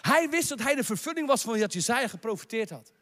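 Male preacher, high voice, impassioned sermon with shouted peaks, echoing church hall. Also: lively intonation, fast. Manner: rising to shouted proclamations, mixing in English phrases.

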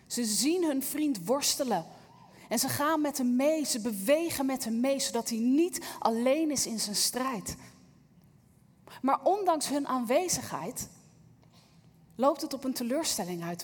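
A woman's voice: sits high, big-room sound. A woman giving an earnest, reflective sermon, speaking straight to the listener and reading a Bible passage aloud. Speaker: preacher.

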